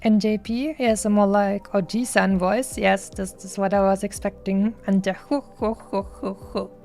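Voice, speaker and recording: A woman's voice: medium pitch, fairly even intonation, moderate pace, darkish tone. A woman giving casual, playful, rambling gameplay commentary as a streamer. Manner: playful, rambling, paraphrases characters. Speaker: game streamer. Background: game music.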